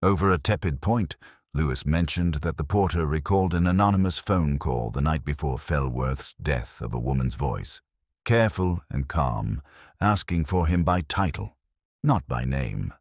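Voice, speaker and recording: An actor playing a brooding, intellectual middle-aged police inspector, narrating an audio drama in a measured, reflective, wry way. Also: male voice, a bass voice, expressive, dry recording, studio quality, heavily acted. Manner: measured, reflective, literary phrasing. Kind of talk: scripted first-person detective narration, audio drama.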